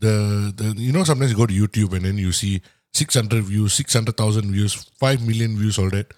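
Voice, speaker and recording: A man co-hosting a casual podcast in a low, dry, close voice. He talks extremely fast. His storytelling is colloquial and animated, switching freely between languages. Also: no room sound. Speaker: podcast co-host.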